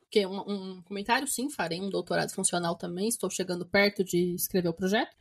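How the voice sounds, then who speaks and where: A young adult woman, co-hosting a casual chat podcast and talking in an expressive, teasing way. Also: fairly low pitch, fast, breathy edge. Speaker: podcast co-host.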